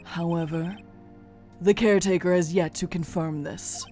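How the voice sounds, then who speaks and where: A woman's voice: fairly low pitch, fairly even intonation, moderate pace, mellow, lightly acted. A woman voicing a formal, haughty male prosecutor from a courtroom video game. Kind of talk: amateur video game voice-over. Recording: music behind.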